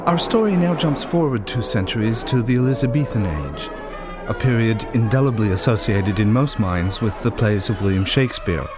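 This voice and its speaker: A man giving scripted documentary narration in a measured, precise, explanatory way. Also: lowish voice, expressive, over loud music.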